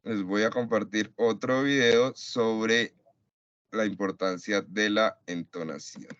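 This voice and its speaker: A man with a lowish voice gives a lecture in a web conference, explaining points patiently to his class. His voice comes over a dry, dull call mic. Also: steady tone, slow pace, fairly bright tone, no echo. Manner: explanatory, addresses students directly.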